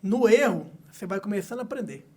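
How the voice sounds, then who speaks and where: A man's voice: sits high, expressive, fast talker, darkish tone, breathy edge. A man with a Brazilian accent from Goiás, hosting a podcast and asking questions in casual chat. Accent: Goiás Brazilian Portuguese. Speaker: podcast host.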